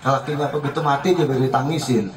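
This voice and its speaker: A man's voice: mid-range voice, fairly even intonation, fast talker. A man with a Betawi accent preaching a humorous sermon at a family celebration, telling jokes and acting out bits of dialogue. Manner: joking storytelling, acts out quoted dialogue. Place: community gathering, crowd around. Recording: echoey, distant mic, loud crowd.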